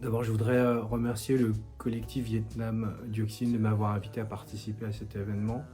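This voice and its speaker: A man in his forties from France, a songwriter giving a recorded support message in a soft, hesitant way with many pauses. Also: fairly low pitch, flat delivery, soft background music. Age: 40s. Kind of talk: recorded video testimony.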